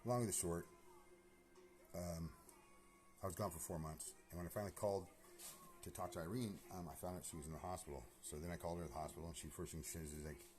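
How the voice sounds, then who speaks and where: Male vlogger with a low register, restless and foul-mouthed, talking fast from an empty house. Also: steady tone, over music. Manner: profane, agitated, rambling. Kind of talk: rambling personal monologue. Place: empty house being renovated.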